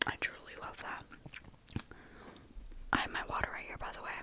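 A young woman whispering softly in a chatty ASMR snack-tasting video, with eating sounds between her words. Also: fairly quick. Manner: chatty, says like and you know often.

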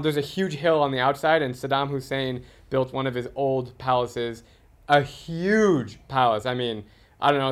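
A man's voice: mid-range voice, clean tone. A man hosting a podcast, talking about travel in an eager, emphatic way and steering the conversation. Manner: enthusiastic, emphatic travel talk. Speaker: podcast host. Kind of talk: casual interview conversation.

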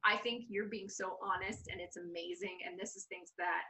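A woman's voice: on the low side, fairly even intonation, moderate pace, crowd noise, rough recording. A woman co-hosting a podcast, joking playfully in casual chat. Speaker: podcast co-host.

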